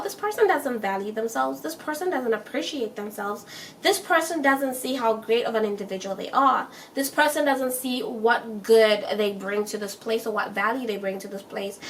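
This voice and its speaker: A young woman with a slightly high voice chats emphatically to her viewers in a casual self-help monologue, repeating her points and laughing. She sounds far from the mic, with slight background noise.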